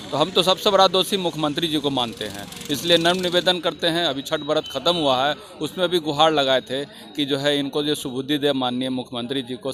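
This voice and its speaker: A man's voice: a little high, a bit bright. Man pleading at a protest. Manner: blaming, pleading. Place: street protest outdoors.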